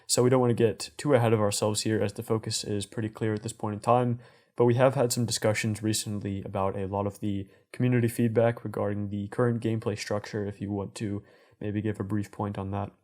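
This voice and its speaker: A man hosting a community update in a conversational way, with measured, corporate phrasing. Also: on the low side, little pitch movement, darkish tone. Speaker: host of community update show.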